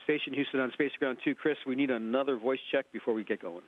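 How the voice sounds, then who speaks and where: A man talking as a mission control communicator over a narrow two-way radio link, in clipped call procedure, brisk and businesslike. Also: mid-range voice. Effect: narrow two-way radio comm line.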